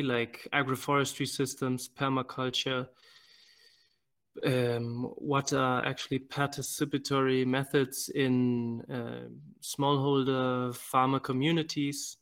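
Flat-voiced man. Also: mid-range voice, clean tone. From Germany. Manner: measured, plain, slightly hesitant. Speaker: podcast co-host. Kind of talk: casual podcast introduction.

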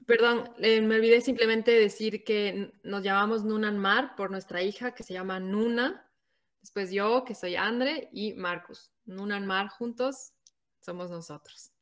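A woman's voice: mid-range voice, steady tone, unhurried. An Ecuadorian woman in her thirties, co-hosting a podcast in an earnest, thoughtful way and sometimes correcting herself. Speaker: podcast co-host. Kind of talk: casual podcast chat.

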